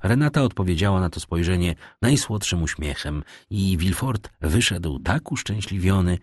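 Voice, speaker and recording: A man narrating an audiobook in an expressive literary reading. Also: deep voice, moderate pace, husky, no room sound, studio quality. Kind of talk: scripted narration.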